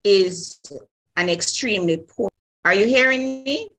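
A woman student on a video call whose audio breaks up with static, halting and asking whether she can be heard. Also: medium pitch, a bit bright. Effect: glitchy, breaking-up online call audio with static. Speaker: student asking a question in an online class. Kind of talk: casual remote call.

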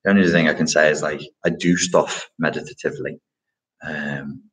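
A man with a rumbling low voice that is a bit bright hosts a casual live stream, answering chat questions. His tone is steady and his pace moderate, and he rambles reflectively with many fillers and restarts.

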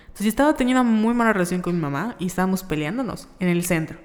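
A woman's voice: mid-range voice, animated, rapid-fire, a little mellow, in a large hall. A young Mexican woman co-hosting a podcast, telling stories in casual chat and acting out quoted voices. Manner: chatty storyteller, acts out quoted voices. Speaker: podcast co-host.

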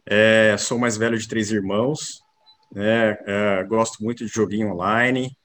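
A man, a company co-founder talking casually as an interview guest, relaxed and rambling with many fillers. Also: on the low side, measured pace, slight background noise. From interior of São Paulo state, Brazil.

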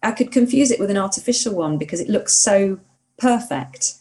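With poor audio, a woman with a mid-range voice chats briskly and animatedly as a podcast co-host. Her manner is earnest and warmly opinionated, and at times she talks herself into mild indignation.

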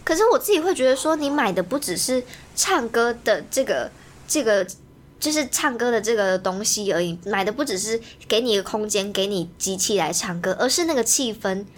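Lively, fast-talking young woman ranting. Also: on the high side. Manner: animated, ranting, laughs often. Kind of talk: casual chat.

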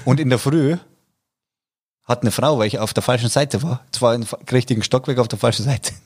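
A man's voice: medium pitch, fairly quick, husky. A young man telling a funny story in casual chat among friends, laughing often and restarting his sentences.

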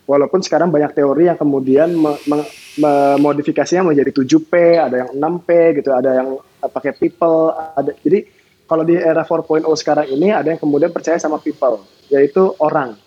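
A man's voice: fairly high pitch, fairly even intonation, brisk, mellow. A man, a producer guest on a podcast, explaining things in a lecturing way in casual chat. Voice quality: husky. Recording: dull lo-fi sound.

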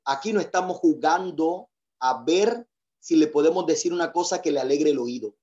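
A man's voice: a little high, moderate pace, darkish tone, dull audio. A male pastor preaching a sermon, leading call-and-response and repeating key phrases for emphasis.

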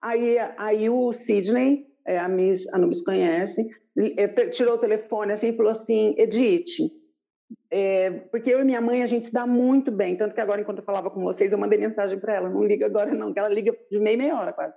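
Animated woman storyteller, gravelly dark voice. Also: fast. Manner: animated, acts out quoted voices with big pitch jumps. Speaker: guest telling her life story. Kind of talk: personal storytelling in an interview. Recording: dull lo-fi sound.

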